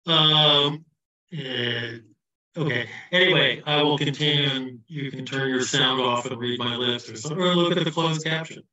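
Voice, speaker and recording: A man's voice: mid-range voice, fairly even intonation, unhurried, sharp tone. A man from the US Midwest giving an informal campaign speech on a video call, his voice carrying a heavy hall echo. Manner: informal, loose and self-deprecating. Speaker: candidate for party office. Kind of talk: campaign speech at an online event. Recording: echoey room, far from the mic, dull.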